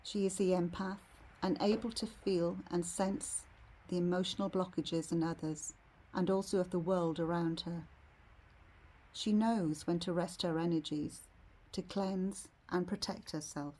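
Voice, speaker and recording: A woman leading a guided meditation in a serene, soothing, soft and slightly husky voice. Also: on the low side, steady tone, poor audio. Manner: serene, unhurried, soothing delivery.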